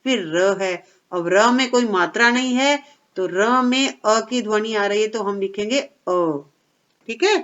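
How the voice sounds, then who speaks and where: A woman teaching young children a worksheet step by step, patient and explaining slowly, often checking that they follow. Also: medium pitch, fairly bright tone, highs cut off.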